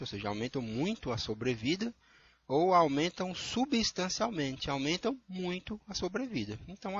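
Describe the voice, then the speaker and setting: A man's voice: a little high, fairly bright tone, breathy edge, highs cut off. A man with a Brazilian Portuguese accent, a teacher going through worksheet answers and checking in with his students often. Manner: explanatory, checks in with frequent "tá?" and "né?".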